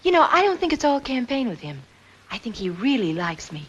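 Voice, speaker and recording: A brassy, slangy young starlet. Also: female voice, fairly high pitch, sing-song, a little fast, fairly bright tone, breathy edge, dull audio, exaggerated voice. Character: brash, street-smart young woman groomed for stardom.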